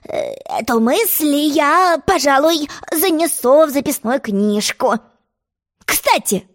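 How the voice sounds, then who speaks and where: A woman's voice: high-pitched, animated, voice pushed up. A woman voicing an impatient, self-important old king in a storybook reading. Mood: musing. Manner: slow, exclaiming, self-important. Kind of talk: storybook narration.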